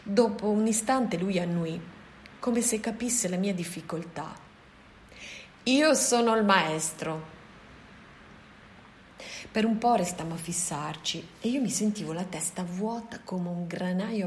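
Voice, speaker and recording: A woman giving a scripted audiobook narration of a novel in a soft, even reading voice. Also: fairly low pitch, normal speed, a little hiss or hum. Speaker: audiobook reader.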